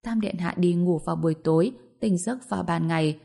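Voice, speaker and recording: A woman narrating a fantasy novel aloud in an even, storytelling manner. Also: fairly low pitch, a little fast, creaky. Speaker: audiobook narrator.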